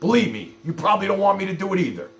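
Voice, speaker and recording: Very fast, high-pitched and sing-song, this livestream host's fairly bright voice carries a profane, exasperated rant. He confronts his viewers head-on, peppering them with blunt rhetorical questions over and over.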